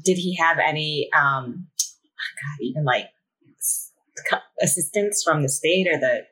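A woman's voice: low-pitched, a little slow, bright, forceful tone, slightly rough, rough recording. A woman in her forties hosting a podcast, chatty and sympathetic as she asks her guest questions. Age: 40s. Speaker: podcast host. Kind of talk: casual interview conversation.

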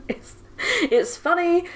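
A British woman co-hosting a podcast in casual chat, joking and often laughing. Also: high voice. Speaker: podcast co-host.

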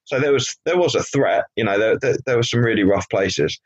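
A man's voice: mid-range voice, brisk, husky, no echo. A man hosting a podcast, telling stories in a rambling, casual way and often correcting himself mid-sentence. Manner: rambling, self-correcting storytelling. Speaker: podcast host. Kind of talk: casual interview chat. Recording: slightly dull, dry lo-fi sound.

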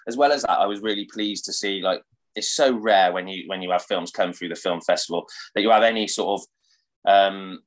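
Very deep-voiced man, enthusing. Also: normal speed, poor audio. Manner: enthusiastic, hedging with 'sort of' and 'like'. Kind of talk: casual chat.

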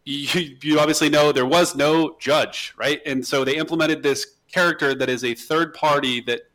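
A man co-hosting a podcast, chatting casually about video games, animated and ranting, often restarting his words. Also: a little high, moderate pace. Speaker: podcast co-host.

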